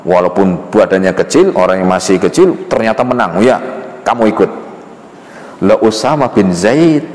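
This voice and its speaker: Folksy preacher in an echoing hall. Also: male voice, fairly low pitch, expressive, normal speed, darkish tone. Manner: folksy, acts out dialogue, frequent "ya" fillers. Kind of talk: storytelling sermon. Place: mosque hall. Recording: echoey hall with long reverb.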